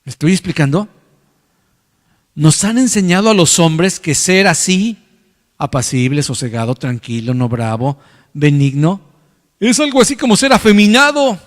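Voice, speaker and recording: A man's voice: on the high side, animated, moderate pace, long reverb tail. A man preaching a sermon as pastor, in a conversational way with many repeated words. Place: church hall.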